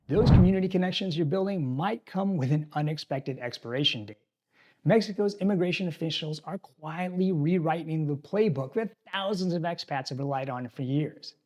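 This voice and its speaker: With a slightly high, slightly mellow voice, this man addresses viewers directly in a scripted talking-head video. He runs an expat channel from a tropical island, advising his audience on living abroad.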